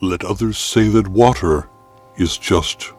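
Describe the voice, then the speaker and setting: Deep-voiced man in a mock luxury ad. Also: takes it slowly, a little mellow, slightly rough, soft background music. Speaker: ad announcer. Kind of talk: mock commercial voice-over.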